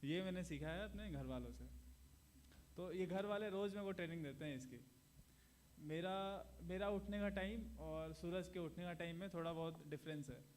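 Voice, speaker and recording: A man performing stand-up at an open mic, spinning sarcastic, self-mocking stories. His voice sits high for a man, with a faint hum of room noise behind him. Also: normal speed, darkish tone. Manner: sarcastic, self-deprecating storytelling. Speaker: stand-up comedian. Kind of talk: stand-up comedy set. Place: small open mic venue.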